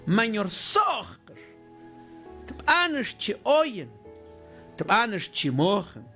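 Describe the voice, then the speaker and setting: A male Mam-speaking preacher gives an exhorting sermon on scripture, speaking slowly to the congregation with lively swings in pitch. He mixes a Mayan language with Spanish, and music plays behind him.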